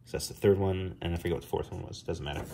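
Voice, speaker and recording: Middle-aged New Jersey man, deep voice, casual tutorial talk with ums, faint room hiss behind. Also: racing, gravelly. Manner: relaxed, rambling, with many ums and restarts. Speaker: comic artist.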